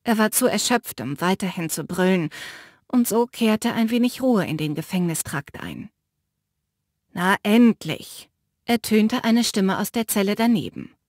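A woman reads a first-person fantasy story in a measured, expressive voice at a middle pitch. She narrates close to a studio mic. The sound is dry, with no room. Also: no echo. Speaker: audiobook narrator.

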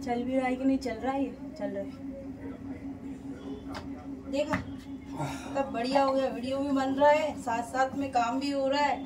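A woman's voice: high voice, fairly even intonation, unhurried, pauses often, recorded from a distance, very noisy. A woman chatting through her daily routine at home and coaxing her pet parrots in a sing-song voice. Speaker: vlogger. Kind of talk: casual home vlog. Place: home kitchen.

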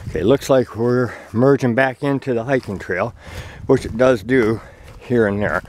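A man talking casually while walking a woodland trail, filming from behind a handheld camera, relaxed and chatty with fillers. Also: medium pitch, normal speed, a little hiss or hum. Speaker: hiker filming a trail walk. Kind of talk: casual vlog narration. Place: outdoors on a leafy woodland trail. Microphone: handheld camera, speaker behind it.

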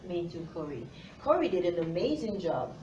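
A woman's voice: lowish voice, very animated, moderate pace, dark tone, muffled recording. A middle-aged woman presenting a phonics lesson as a teacher, encouraging and speaking directly to young children, recorded by a camera across a classroom. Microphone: far camera. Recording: roomy, faint noise, distant mic.

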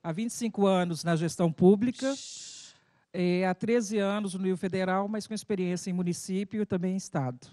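A woman's voice: medium pitch, fairly even intonation, a little fast, mellow, dry recording, clean studio sound. A woman from Minas Gerais, a public administrator, introducing herself factually into a handheld microphone. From Minas Gerais, Brazil.

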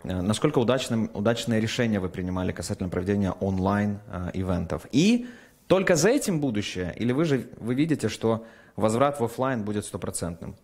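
A man hosting an online interview, asking long rambling questions with animated asides. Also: fairly low pitch, fast talker. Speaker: interview host.

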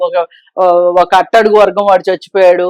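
A woman's voice: medium pitch, little pitch movement, a little fast, darkish tone, no echo. Emphatic woman posing rhetorical questions. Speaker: social commentator guest. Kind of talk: opinionated talk-show discussion.

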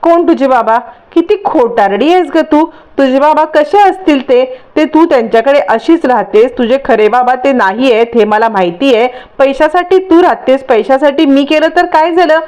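A woman's voice: sits high, moderate pace, hardly any pauses, darkish tone, pitched above the performer's own voice, lightly acted. A woman voicing a greedy young blackmailer who talks in a taunting, insistent way in a storytelling recap.

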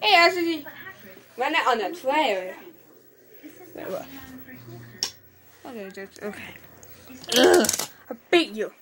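A woman giving playful running commentary while playing, excitable and given to sudden squeals. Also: sits high, takes it slowly, pauses often, a crowd in the background. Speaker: channel host.

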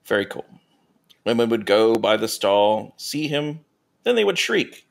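A man co-hosting a comedy podcast, reading erotica aloud with deadpan asides and casual chat. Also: fairly low pitch, a little slow, vocal fry. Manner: deadpan asides between read passages. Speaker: podcast co-host reading stories.

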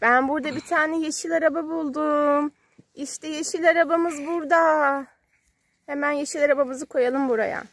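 A parent on a kids' channel narrates toy play for her young child at an outdoor sand and gravel pile, her high, slightly bright voice holding a steady tone at a moderate pace. She keeps things playful with simple, repeated, sing-song phrases and questions, captured in a dry recording.

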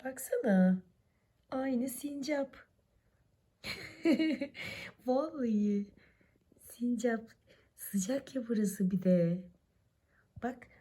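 A hoarse woman with her voice nearly gone, cooing and doting in soft baby talk at her sleeping cat at home, often half-whispering. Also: a little high. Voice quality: husky. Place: warm room at home.

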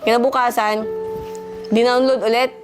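A woman's voice: fairly high pitch, level tone, normal speed, music in the background. A woman speaking as a parent figure, scolding and asking pointed questions in a stern lecture. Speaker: parent figure counseling a youth.

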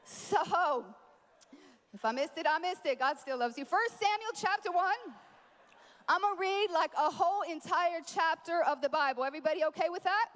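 A woman preaching a sermon at a conference, animated, with playful asides to the crowd. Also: extremely high pitch, moderate pace, long reverb tail. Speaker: conference speaker. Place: large conference hall.

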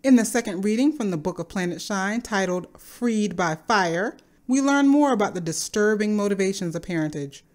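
A woman giving a scripted, explanatory narration in a measured, speculative manner. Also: medium pitch, animated, a little mellow. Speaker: video creator narrating a game theory.

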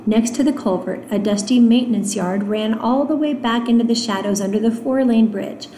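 A woman teacher reading a novel aloud to her students, stopping for gentle explanatory asides with fillers. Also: fairly high pitch, moderate pace, slight background noise. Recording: roomy echo.

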